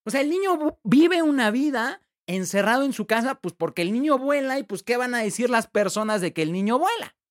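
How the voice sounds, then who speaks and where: A man's voice: very high-pitched, expressive. Man hosting a reflective podcast. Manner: conversational, retells stories with quick asides and restarts. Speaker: podcast host. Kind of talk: reflective faith podcast talk.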